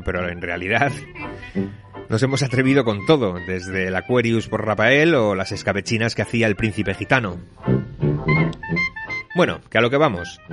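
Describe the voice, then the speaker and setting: Wry Spanish-speaking man, music behind. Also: mid-range voice. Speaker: music section contributor. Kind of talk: radio segment commentary.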